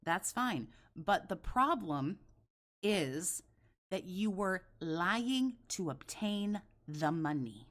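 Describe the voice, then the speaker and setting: A woman's voice: lowish voice, very animated, slow. A woman giving reaction commentary in a blunt, scolding, sarcastic and sweary way.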